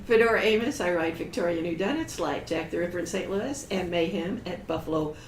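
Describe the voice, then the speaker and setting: A woman's voice: on the low side, fairly quick, a little hiss or hum. A woman on a casual writers' panel, cheerful as she introduces herself. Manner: cheerful and proud. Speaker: panel guest, mystery writer. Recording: distant mic, echoey room, loud clicks.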